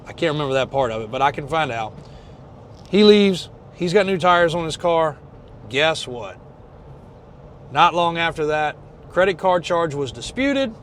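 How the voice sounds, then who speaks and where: A man's voice: on the high side, a little hiss or hum. A man talking casually to his viewers from a moving vehicle, emphatic and repeating phrases for stress. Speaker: car dealership owner and video host. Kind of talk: casual ride-along talk to viewers.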